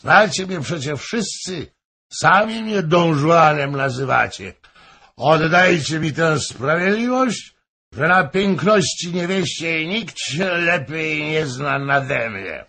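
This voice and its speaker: A man's voice: on the high side, lively intonation, takes it slowly, gravelly, slightly rough, pitched above the performer's own voice, exaggerated voice. Man playing a drunk gushing courtier. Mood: rapturous. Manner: exclaiming, gushing. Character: drunk boastful male courtier, rapturous and loud.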